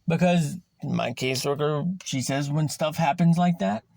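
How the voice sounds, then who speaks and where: A man talks on his podcast in a raspy, gravelly voice pitched a little high. He is blunt and profane and slows down to stretch the words he wants to stress. The sound is dry and close, with no room echo. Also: darkish tone. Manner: raw, emphatic, swears freely. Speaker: podcast host. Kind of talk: candid personal monologue.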